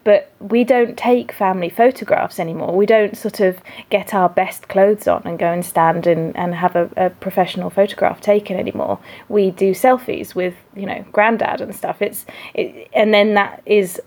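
A woman's voice: medium pitch, fairly even intonation, normal speed, few pauses, darkish tone. A woman talking casually as an interview guest, often rephrasing as she goes. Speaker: podcaster and objects conservator guest.

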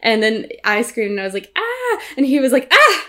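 A young woman in casual conversation, telling a story with animated voices, frequent fillers and laughter. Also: on the high side, fast. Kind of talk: casual chat.

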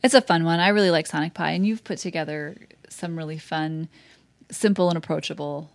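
A woman's voice: low-pitched, steady tone, fairly quick, creaky, no room sound. A woman co-hosting a podcast, upbeat and encouraging as she wraps up the episode. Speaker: podcast co-host. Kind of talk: casual podcast chat and sign-off.

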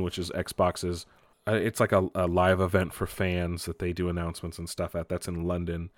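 Male podcast host, lower register, casual and unscripted, often correcting himself, recorded close and dry. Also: no echo. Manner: loose, off-the-cuff, hesitant, self-correcting. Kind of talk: casual solo gaming and entertainment news podcast.

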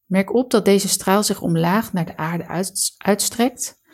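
A woman leading a guided relaxation meditation, giving calm, soothing, measured instructions. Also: medium pitch, slightly rough.

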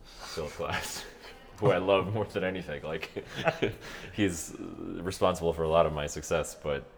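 Very deep-voiced man chatting casually. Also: unhurried, creaky. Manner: relaxed, rambling, with frequent "like" and laughs. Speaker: opera singer guest. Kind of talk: casual interview chat.

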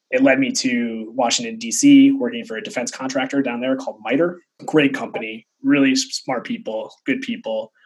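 Male tech guest, thirties, medium pitch with a rough husky edge, chatty anecdotal interview delivery. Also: low-quality recording. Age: 30s. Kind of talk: casual storytelling in an interview.

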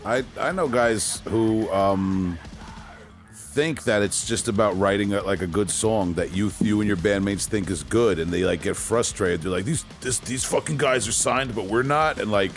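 A man's voice: on the low side, moderate pace, soft background music. A man hosting a casual podcast interview, asking loose questions with lots of fillers and restarts.

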